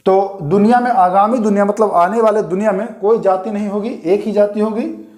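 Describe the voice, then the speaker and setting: Male coaching teacher with a high voice, recorded in an echoey room, who drills students by asking questions and repeating the answers. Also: fairly even intonation, normal speed, darkish tone. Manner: coaxing, mildly scolding toward students. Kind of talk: online exam-prep lecture.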